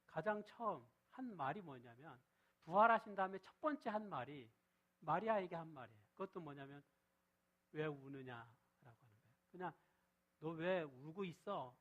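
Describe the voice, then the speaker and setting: In a low-quality recording, a middle-aged male pastor delivers a sermon, frequently asking his congregation a question and then answering it himself. He alternates between loudly stressed phrases and soft, low scripture reading.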